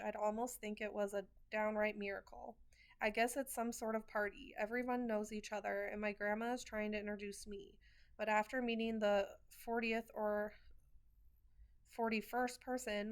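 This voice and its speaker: A woman reading a first-person novel chapter aloud, in an earnest way with wry asides and small restarts. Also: mid-range voice. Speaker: reader of a novel.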